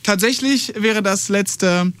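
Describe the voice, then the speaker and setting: A male radio host running an on-air quiz game with a caller, energetic and slangy, dropping in English words. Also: high voice, slow, clean tone, no room sound. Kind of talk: upbeat radio game show hosting.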